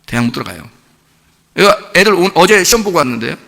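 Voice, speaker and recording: A man's voice: a little high, very animated, quick pace, creaky, pushed and bright. A middle-aged man preaching a sermon as pastor, talking conversationally with many rhetorical questions. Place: church sanctuary. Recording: long hall reverb.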